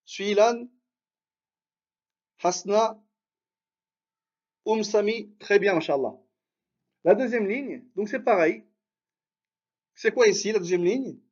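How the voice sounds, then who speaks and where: A man with a high voice speaks slowly as he teaches a live online lesson. He drills syllables one by one and praises students by name as they answer. The stream audio is dull and lo-fi. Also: a little mellow. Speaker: Arabic teacher.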